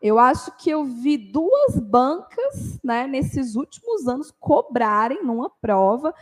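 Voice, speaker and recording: A woman's voice: high-pitched, very animated, slow, breathy edge. A woman teaching a spoken grammar lesson, explaining step by step and checking in with her listeners after each point.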